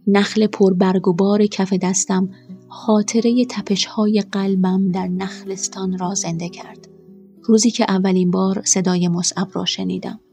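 A woman narrating a first-person story in a quiet, measured way. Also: mid-range voice, gravelly.

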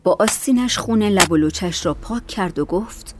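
A woman narrating a story in a soft, hushed reading voice. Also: medium pitch. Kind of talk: audiobook narration. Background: faint music.

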